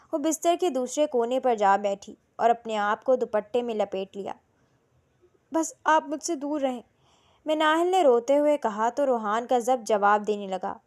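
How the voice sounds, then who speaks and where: Woman narrating an audio novel. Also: on the high side. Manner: slow, emotional storytelling. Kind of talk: scripted narration of a romance novel.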